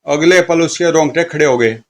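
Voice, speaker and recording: A man's voice: fairly high pitch, moderate pace. A man narrating a horror comic story dramatically, voicing the sound effects himself. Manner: voices sound effects aloud.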